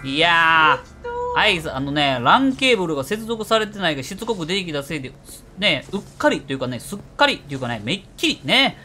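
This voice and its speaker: Kansai man streamer, bright excitable voice, faint hiss. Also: fairly high pitch, fairly quick. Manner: excitable, jokey, reads game text aloud. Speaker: game streamer. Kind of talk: let's play commentary.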